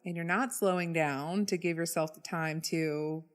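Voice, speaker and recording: A woman's voice: on the low side, steady tone, normal speed. A woman co-hosting a wellness podcast, talking conversationally and leaning on words for emphasis. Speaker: podcast co-host. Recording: long echoing reverb.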